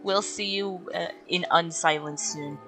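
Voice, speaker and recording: A woman's voice: on the low side, measured pace. A woman streaming a video game, chatting casually and playfully with a friend. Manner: chatty, giggly, lively. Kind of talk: casual live-stream chat. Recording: voice over loud game music.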